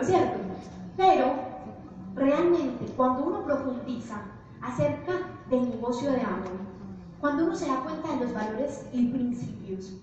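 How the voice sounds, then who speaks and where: A young woman gives an animated motivational business talk in a high voice. She is picked up from well off the mic in a large hall. The sound is dull, with a long, echoing reverb. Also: slight background noise. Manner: animated storytelling to an audience. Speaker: business presenter. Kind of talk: motivational presentation. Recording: echoey hall, distant, dull.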